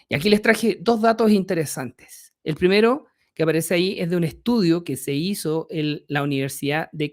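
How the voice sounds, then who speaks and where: A middle-aged man with a Chilean accent hosting a podcast, explaining ideas step by step and asking his listeners rhetorical questions. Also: a little high. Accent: Chilean Spanish. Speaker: podcast host.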